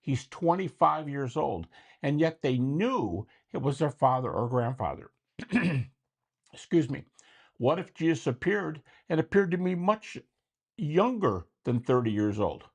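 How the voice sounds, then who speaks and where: A man's voice: on the high side, very animated, measured pace, husky. A man hosting a casual discussion who explains his answers step by step. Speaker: host.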